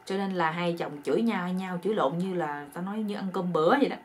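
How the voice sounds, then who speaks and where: A woman's voice: on the low side, fast, slight background noise. A woman telling a comic folk joke in a chatty, colloquial way. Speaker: storyteller. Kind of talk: casual comic storytelling.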